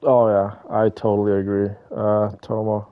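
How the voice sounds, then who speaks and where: A male game streamer gives casual, opinionated reaction commentary in a conversational style while playing. His fairly low voice moves at a moderate pace with a completely flat delivery. The audio is slightly dull, with game music in the background.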